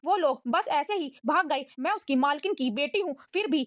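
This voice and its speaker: A woman's voice: sits high, expressive, normal speed, no room sound, clean studio sound. A woman voicing a vain, self-assured young noblewoman in a recap of a comic, breezy and teasing.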